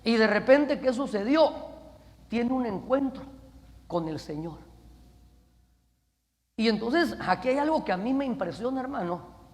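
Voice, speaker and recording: A man's voice: very high-pitched, expressive, unhurried, pauses often. Man preaching in a long-reverb hall. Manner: keeps calling listeners "brother" and asking the congregation questions. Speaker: pastor. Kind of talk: sermon. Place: church camp meeting hall.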